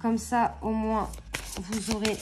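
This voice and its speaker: Une femme qui présente un jeu d'oracle en bavardant et énumère les mots-clés des cartes avec de petites hésitations. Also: female voice, on the high side, little pitch movement, noisy background. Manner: chatty, lists keywords with quick hesitations. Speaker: oracle deck reviewer. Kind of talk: casual unboxing and card reading.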